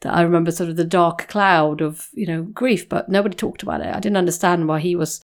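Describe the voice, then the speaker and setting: Low, gravelly woman hosting a podcast. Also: fairly even intonation, fairly quick. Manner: reflective, thoughtful phrasing. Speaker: podcast host. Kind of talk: podcast interview.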